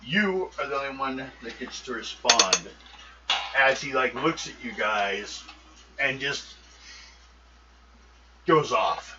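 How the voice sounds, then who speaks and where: Lively game master, distant noisy mic. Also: male voice, mid-range voice, takes it slowly, long pauses. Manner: lively, loose delivery with frequent ums. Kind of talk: narrating a tabletop game. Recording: muffled, distant mic with steady noise.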